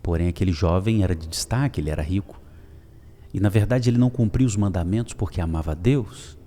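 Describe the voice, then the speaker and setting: A man giving a daily devotional sermon, emphatic and swinging from loud calls to soft whispers. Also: low voice, slightly rough. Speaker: preacher.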